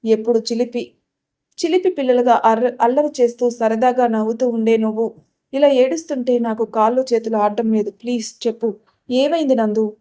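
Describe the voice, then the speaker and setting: A woman's voice: on the high side, steady tone, moderate pace, warm tone, lightly acted. A woman voicing a caring, protective older sister who speaks firmly. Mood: comforting. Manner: comforting, then scolding.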